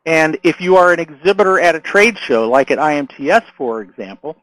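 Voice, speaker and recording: Speaking briskly and in an animated way, a marketing consultant with a failing voice gives a casual lesson to camera, with many restarts and fillers and repeated "right?" and "okay?" His voice is a little high and fairly bright. The recording is rough but has no echo.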